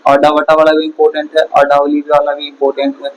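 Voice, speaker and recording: Male teacher, slightly high voice, drills a classroom with repeated questions. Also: completely flat delivery, quick pace, dull audio. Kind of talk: classroom lecture. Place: classroom with students.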